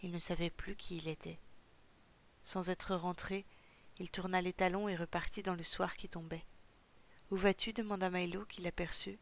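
A woman narrates a storybook chapter in a measured, steady way. Her voice is low and gravelly, and its melody stays quite flat. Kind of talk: audiobook narration.

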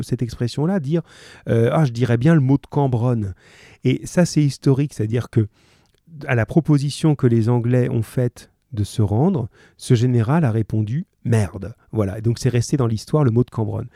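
A man, teaching a radio class. He reads a novel aloud and stops to explain it in a lively, chatty way. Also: mid-range voice, no room sound, clean studio sound.

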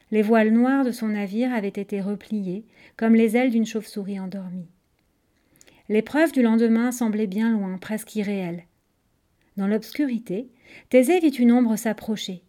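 A woman reads a storybook aloud with expressive, measured pacing. Her voice sits fairly high yet sounds warm and mellow. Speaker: narrator. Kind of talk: storybook reading.

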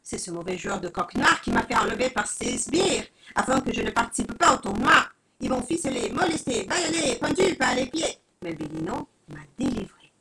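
A woman's voice: medium pitch, wildly swooping pitch, normal speed, gravelly, hardly any pauses, bright, forceful tone, slight background noise, exaggerated voice, poor audio. Woman playing an aggrieved old grandpa rooster. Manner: aggrieved, emphatic.

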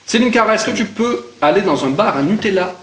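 Playful high-voiced man hosting comedy quiz. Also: lively intonation, fairly quick, a bit bright. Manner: playful, laughs often. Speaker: quiz segment host. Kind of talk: casual comedic banter. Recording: roomy, noisy room recording.

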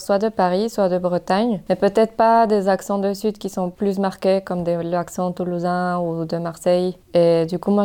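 A woman's voice: mid-range voice, mellow, smooth. A young woman from Mexico, a native Spanish speaker, speaking French with a Mexican Spanish accent in a thoughtful, hesitant interview, with frequent fillers and restarts. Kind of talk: casual interview talk.

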